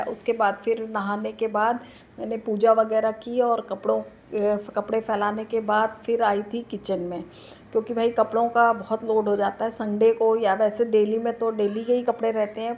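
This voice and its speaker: A woman's voice: fairly high pitch, a little mellow, slight background noise. A woman, narrating a voice-over for her home vlog, chatty and homely, explaining each step. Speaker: vlogger. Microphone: recorded voice-over.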